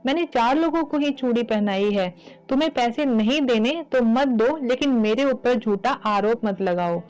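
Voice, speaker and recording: A woman's voice: a little high, normal speed, darkish tone, natural voice, poor audio. A woman voicing a proud village bangle-seller woman who speaks firmly in a told devotional story. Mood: indignant.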